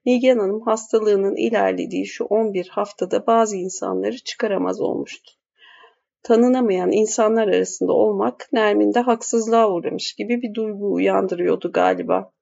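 Gravelly-voiced woman narrating a novel. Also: medium pitch, fairly even intonation, moderate pace, dark tone. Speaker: audiobook narrator. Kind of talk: literary audiobook narration. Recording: dull lo-fi audiobook recording.

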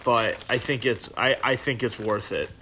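A man's voice: medium pitch, normal speed, pushed and bright, a little hiss or hum. A man who is a guest on a podcast, chatting casually about books and often restarting his sentences. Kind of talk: casual book chat.

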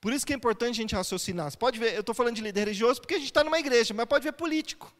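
A man's voice: very high voice, very fast, in a large hall. A man, a pastor, preaching a conversational sermon in a church and posing rhetorical questions to his listeners.

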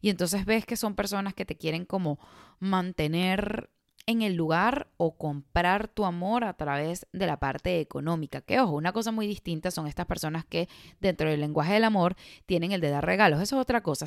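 Woman, podcast host, low voice, gravelly fry, dry close sound, rambling storytelling. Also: lively intonation, brisk, no room sound. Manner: chatty storytelling with frequent fillers and restarts. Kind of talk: casual solo podcast talk.

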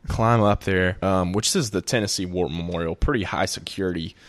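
A young man tells a story in a fairly low voice. He rambles along easily, packing his sentences with "like" and often breaking into laughter. He sounds like a podcast guest chatting informally. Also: brisk. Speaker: guest musician. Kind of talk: casual storytelling.

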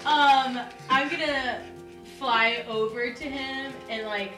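A woman player in a tabletop game, giggly, excitable and swearing freely. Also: sits high, slow, reverberant, recorded from a distance, soft background music. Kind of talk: casual tabletop play.

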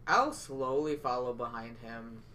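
A man's voice: medium pitch, a little slow, bright, forceful tone, a little hiss or hum. A man playing a tabletop role-playing game, talking in an easygoing, playful way. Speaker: player. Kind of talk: casual tabletop game chat.

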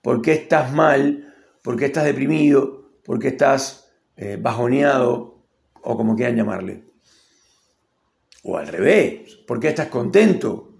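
A man's voice: mid-range voice, lively intonation, measured pace, gravelly, darkish tone. A man with a Rioplatense accent giving a rambling, opinionated casual monologue and acting out quotes. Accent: Rioplatense Spanish. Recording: echoey room.

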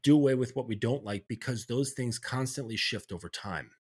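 A men's coach appears as a guest on a podcast, speaking in a husky, medium-pitched voice at a fairly quick pace. He's reflective and keeps checking in with the listener as he makes his points.

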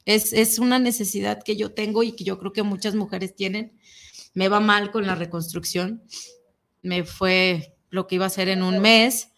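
A woman's voice: mid-range voice, moderate pace. A woman, a talk show guest, candidly and emotionally recounting a personal experience. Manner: emotional, candid, animated retelling. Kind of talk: personal storytelling.

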